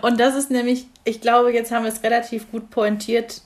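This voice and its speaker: A woman's voice: on the high side, level tone, a little fast. A young adult woman co-hosting a podcast, chatting casually and laughing easily at herself. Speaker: podcast co-host.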